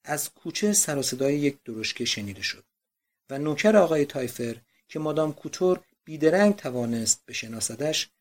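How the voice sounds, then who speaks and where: Brief: male narrator, expressive, measured literary reading. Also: on the high side. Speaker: audiobook narrator.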